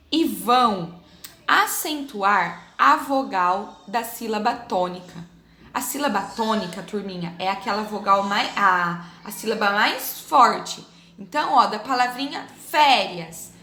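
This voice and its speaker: Slow, patient Brazilian teacher woman. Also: medium pitch, pushed and bright, echoey room. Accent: Brazilian Portuguese. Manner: slow, patient, drawn-out emphasis with diminutives. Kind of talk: recorded remote class for young pupils.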